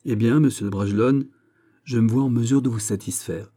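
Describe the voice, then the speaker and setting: A man's voice: medium pitch, brisk, mellow, natural voice. A man reading aloud, voicing a stern middle-aged king with a commanding, raised voice.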